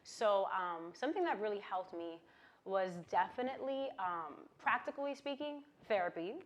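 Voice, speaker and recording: A woman's voice: medium pitch, lively intonation, normal speed. A woman from Queens, talking candidly and casually as an interview guest, often saying "like" and "you know". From Queens, New York, USA. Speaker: interview guest, singer-songwriter.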